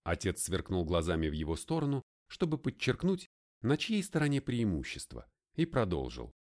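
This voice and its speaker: A man narrating an audiobook in the first person, with an expressive storytelling manner. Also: low-pitched, normal speed.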